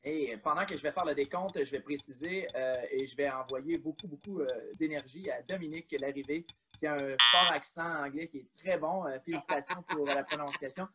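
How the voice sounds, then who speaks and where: A man's voice: fairly high pitch, a little fast, background noise. A man, co-hosting a quiz, counting down and chatting with frequent fillers. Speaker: quiz co-host.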